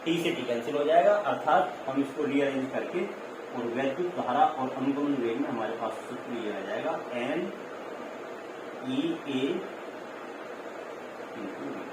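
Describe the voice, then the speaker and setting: A man teaches physics with a mid-range voice at a measured pace, pausing often. He explains things repetitively, checks in with listeners as he goes, and mixes in English terms. He's picked up by a distant mic in an echoey room, so the recording is very reverberant, with clearly audible noise.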